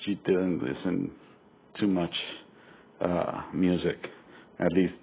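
Listener from Costa Rica, forties, measured storyteller with a very low voice, on a thin, phone-like recording. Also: male voice, fairly even intonation, gravelly, breathy edge. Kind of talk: recorded personal message. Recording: tinny lo-fi recording with faint hiss.

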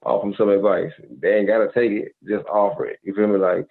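A very deep-voiced man holds forth on a podcast in a preachy, laid-back way. He leans on "you feel me" constantly. His voice comes through a thin, phone-like band. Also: fairly even intonation, fast talker. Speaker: podcast co-host. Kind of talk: casual advice monologue. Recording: tinny phone-like audio.

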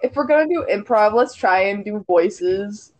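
A woman's voice: medium pitch, expressive, no room sound. A woman talking in a bossy, exasperated way while running an improv call with friends. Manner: bossy, exasperated, fast and overlapping. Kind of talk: improv comedy over a call.

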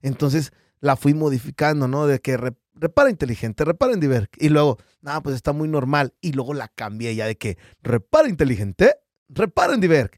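A Mexican man with a Mexican Spanish accent, a podcast guest in casual chat, telling stories in a lively, slangy way and acting out what people said. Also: medium pitch, brisk, few pauses, dry recording, studio quality. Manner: animated storyteller who acts out quotes, slangy and profane. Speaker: podcast guest, business founder.

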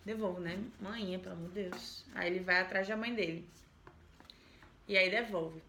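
A woman's voice: lowish voice, steady tone, normal speed, bright, forceful tone, reverberant. A woman retelling a folk tale in a chatty, repetitive way. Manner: chatty, repetitive, with many fillers. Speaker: storyteller.

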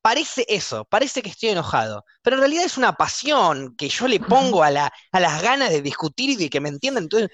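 A man's voice: high voice, very animated, fairly bright tone, dry recording. A man with an Argentine Spanish accent, hosting a casual podcast chat, talking with emphatic passion and a taste for arguing. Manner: emphatic, quick to argue. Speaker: host.

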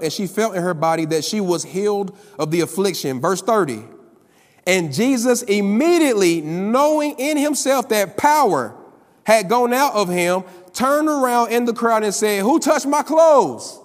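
A man preaching a sermon as pastor, calling on the congregation to answer back and building up to loud, emphatic peaks. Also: high voice, big-room sound.

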